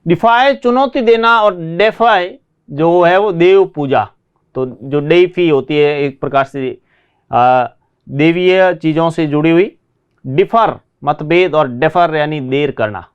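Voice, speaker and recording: A man teaching English vocabulary in a classroom lesson, repeating word pairs slowly and explaining them in Hindi. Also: a little high, clean tone, highs cut off.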